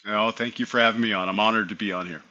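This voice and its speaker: A middle-aged man, an airline pilot guest on an aviation podcast, telling his story in an animated, conversational way. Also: fairly low pitch, racing, dull audio. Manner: animated, acts out remembered dialogue. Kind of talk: casual interview storytelling.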